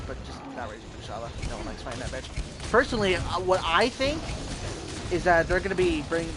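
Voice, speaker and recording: A man giving casual gameplay commentary, rambling with restarts and swearing when things go wrong. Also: fairly high pitch. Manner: profane, easily frustrated, rambling with restarts. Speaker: gamer commentating his play. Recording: loud game noise underneath. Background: video game sounds.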